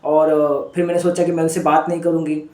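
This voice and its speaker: A man's voice: fairly high pitch, little pitch movement, fairly quick, dark tone, close to an everyday voice. A man voicing a distressed woman patient in pain, pleading and repeating herself, calling him sir. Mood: hurt and angry. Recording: echoey room.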